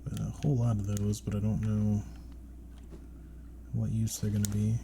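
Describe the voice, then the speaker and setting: A man with a lowish, mellow voice gives casual commentary over a video game. He is laid-back and mutters asides to himself. A faint bed of noise and ambience sits behind him. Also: completely flat delivery, moderate pace, gravelly. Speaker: gaming streamer playing and commenting. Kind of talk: casual let's play commentary.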